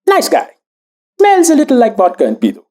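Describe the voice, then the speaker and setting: A woman playing a vain, boastful talking mustache that belongs to a politician, ranting in grandiose bursts with sudden shouts in a comedy sketch. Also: sits high, huge pitch swings, brisk.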